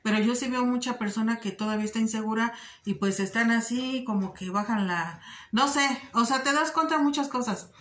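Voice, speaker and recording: A woman talking earnestly and directly to her viewers in a casual vlog, often pausing on fillers. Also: a little high, a bit bright, reverberant. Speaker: vlogger giving advice. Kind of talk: casual direct-to-camera talk.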